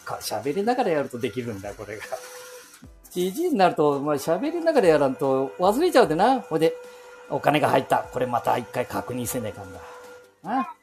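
A man's voice: on the high side, sing-song, fairly quick, darkish tone, faint music behind. Chatty man in his 70s with a Nagoya dialect. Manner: chatty, talks to himself, frequent chuckles and asides. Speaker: podcast host. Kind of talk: casual rambling monologue while walking. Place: walking outdoors and inside a bank ATM booth.

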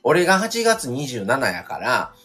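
A man in his thirties chats casually in a Kansai accent, his pitch swinging freely. He sounds like a relaxed livestream host in conversation, with some music behind him. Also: a little slow. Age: 30s. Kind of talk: casual chat.

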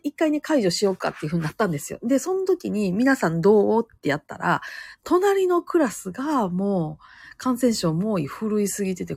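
Chatty Kansai woman with gravelly voice. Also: medium pitch, a little mellow, dry recording. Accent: Kansai Japanese. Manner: rambling, chatty storytelling with many asides. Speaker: podcast host. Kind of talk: casual solo chat.

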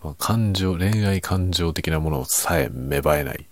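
A man chatting casually and quietly by himself late at night, musing and giving his opinions in a low-key way with softened sentence endings. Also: measured pace, no echo. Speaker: writer chatting as host.

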